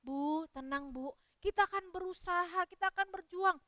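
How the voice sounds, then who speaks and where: A woman voicing a calm, gentle doctor who speaks slowly and soothingly, in a children's Sunday school story. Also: very high-pitched, no echo. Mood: reassuring. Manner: slow, soothing delivery.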